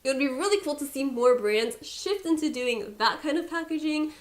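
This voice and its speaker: A young woman vlogging about beauty in a loose, chatty way, her voice sitting a little higher than most. She talks straight to her viewers with candid, playful emphasis and laughs at herself now and then. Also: animated, normal speed. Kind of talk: casual chat to camera.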